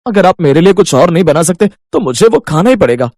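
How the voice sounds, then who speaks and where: A man's voice: high voice, animated, fairly quick, a little mellow, dry recording. Cartoon kid, picky and whiny, played by a man, bouncy raised voice, dry close mic. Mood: complaining. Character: young schoolboy, picky and whiny. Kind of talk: Hindi cartoon voice acting.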